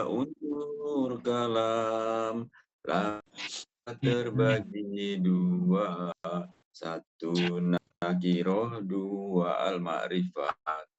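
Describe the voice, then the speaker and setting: A man reciting grammar rules in an online class, his audio choppy and cutting out as he repeats phrases haltingly. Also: on the low side. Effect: choppy, cutting-out call audio. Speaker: student. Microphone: online voice call. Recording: dull, slightly noisy call line.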